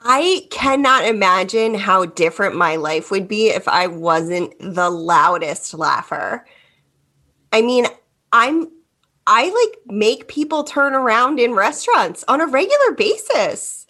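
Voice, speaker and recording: A woman co-hosting a podcast, chatting in a playful, expressive way. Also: mid-range voice, unhurried. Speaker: podcast co-host. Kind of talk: casual chat.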